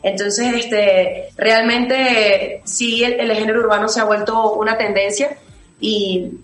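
A woman's voice: a little high, fairly even intonation, slow, echoey room, low-quality recording. A singer-songwriter woman from Venezuela in her late twenties, answering interview questions thoughtfully with many fillers and restarts.

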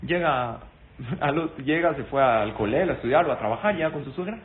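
A man giving a sermon, telling stories in an animated way and asking his audience questions. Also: mid-range voice, moderate pace. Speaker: rabbi giving a talk. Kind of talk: live-streamed sermon with storytelling. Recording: tinny phone-like sound, faint noise.

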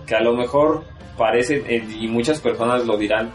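A young podcast host with a Mexico City Spanish accent chats casually and at length, relaxed and rambling, laughing often. His voice is medium-pitched at a moderate pace, over soft background music.

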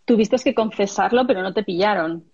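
A woman's voice: medium pitch, fairly quick, a little mellow, highs cut off. A woman interviewing a guest in casual chat, with short encouraging reactions.

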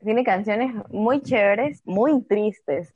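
A woman co-hosting a casual podcast chat, animated and outspoken. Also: medium pitch, extremely slow, slight background noise. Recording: dry, slightly dull lo-fi sound.

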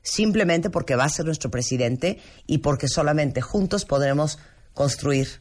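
A man's voice: a little high, animated, normal speed. A man with a Mexican accent hosting a radio show, talking in an emphatic, preachy way and reeling off lists. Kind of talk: casual opinion talk on air. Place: radio studio.

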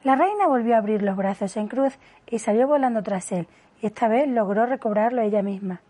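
A woman's voice: fairly high pitch, brisk, mellow. Woman reading a storybook aloud. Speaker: audiobook reader. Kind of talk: storybook narration.

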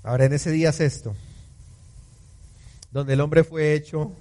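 A male pastor with a high voice, preaching in a church service. He dramatizes the scripture he reads, slips in small jokes and gets the congregation to answer back. The delivery is lively and theatrical throughout. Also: a little slow. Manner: theatrical, acting out scripture quotes; jokes and calls on the congregation to respond. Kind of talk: preaching a sermon.

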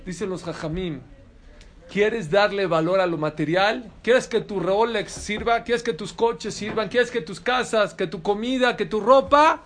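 A man teaching a Torah class as a rabbi, animated and emphatic, often putting questions to his listeners. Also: high-pitched, a little slow. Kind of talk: sermon.

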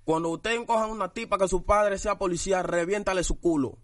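A young man speaks in a slightly high voice. He is a rapper guest in a casual interview, blunt and tough, checking in with the listener again and again. The sound is very dry and close. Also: steady tone, fairly quick, a bit bright, no echo. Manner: blunt, tough street talk with repeated tag questions.

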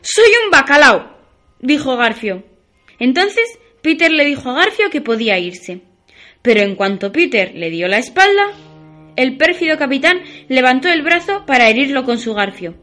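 A woman narrating a children's story on the radio in a lively, expressive way. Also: high voice, moderate pace.

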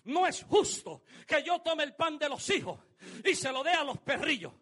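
A preacher doing a calm, patient Jesus. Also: male voice, very high-pitched, normal speed, exaggerated voice. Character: calm adult male Jesus, patient teacher.

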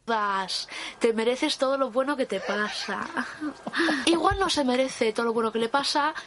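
Blunt high-voiced woman. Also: unhurried, background noise. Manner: blunt, crude, sarcastic. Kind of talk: casual radio chat.

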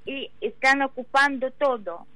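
High-pitched Ukrainian woman, halting and slow. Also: dry recording, narrow, tinny audio. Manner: halting, searching for words in non-native Spanish. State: emotional. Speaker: interview guest. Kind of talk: halting spoken testimony in an interview.

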